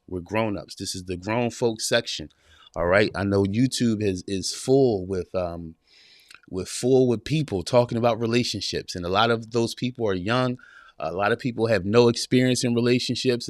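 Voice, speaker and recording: A man's voice: on the low side, no room sound, studio quality. A man in his forties hosting a live podcast stream from a small home room, speaking in a preacher-like rhythm, repeating phrases and greeting viewers. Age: 40s. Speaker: podcast host.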